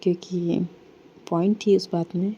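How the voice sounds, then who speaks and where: A woman's voice: fairly low pitch, level tone, measured pace, dark tone, dull audio, a little hiss or hum, close to an everyday voice. A woman voicing a shy, cautious young woman who answers hesitantly. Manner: hesitant, reserved.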